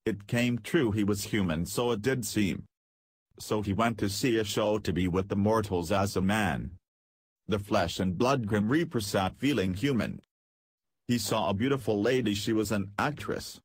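Casting: man, husky narrator for scripted verse drama, close dry sound. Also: lowish voice, normal speed, no room sound.

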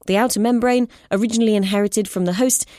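A woman voicing a sharp, impatient woman scientist who explains in a brisk, lecturing way, read as an audiobook. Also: medium pitch, steady tone, no room sound, clean studio sound, voice pushed up, close to an everyday voice. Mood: urgent lecturing. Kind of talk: audiobook reading.

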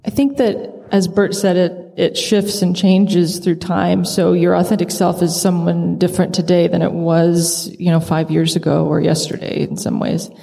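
Encouraging woman panelist, gravelly low voice, reverberant hall. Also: level tone, normal speed, few pauses, warm tone. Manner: earnest, encouraging. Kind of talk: live panel discussion.

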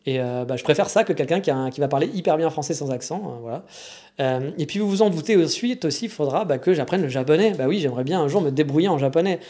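French guy rambling fast, casual and frank, a bit of slang, mellow darker voice. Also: on the high side, lively intonation. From France. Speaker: vlogger living in Japan. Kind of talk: casual monologue.

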